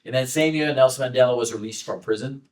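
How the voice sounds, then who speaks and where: A man's voice: mid-range voice, distant mic, poor audio. South African-raised man lecturing from afar. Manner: measured, personal, with many uh fillers. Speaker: history professor giving a book talk. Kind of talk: lecture with slides. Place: library event room.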